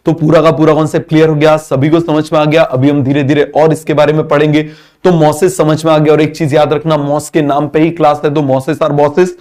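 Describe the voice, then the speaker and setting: Guy teaching bio in a classroom, kinda high voice, keeps asking the class questions and having them repeat. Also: a little mellow. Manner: mixes Hindi with English terms. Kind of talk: classroom biology lecture.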